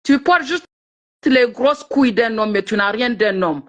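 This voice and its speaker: A woman's voice: fairly high pitch, animated, measured pace, a bit bright. A woman who is a guest on a live stream, ranting indignantly and hurling insults. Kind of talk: heated live-stream chat.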